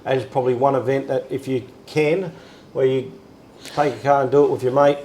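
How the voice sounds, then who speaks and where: A man co-hosting a casual chat at home, relaxed and rambling with lots of fillers. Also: mid-range voice, a little fast, a little hiss or hum, rough recording. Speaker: co-host.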